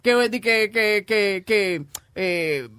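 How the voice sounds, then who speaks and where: A man's voice: high-pitched, pushed and bright, clean tone, no room sound. A man co-hosting a radio show, teasing and joking in casual studio banter. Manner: teasing, joking, quick interjections.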